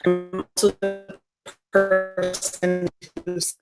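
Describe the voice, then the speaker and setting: A woman's voice: lowish voice, monotone, drawn-out words, over loud music. A woman resident giving a formal deputation over a video call, her voice warbling and glitching as the connection breaks up. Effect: glitchy, warbling video-call audio. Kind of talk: formal address by remote call. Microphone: computer on a video call.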